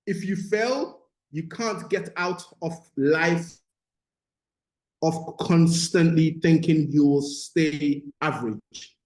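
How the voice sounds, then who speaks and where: Leading a course in a live online session, a business mindset coach born in Ghana, who moved to the UK at eight, gives motivational teaching in a highish, darkish voice. He is emphatic, repeats key phrases, and checks in with listeners often. The sound is roomy and echoing.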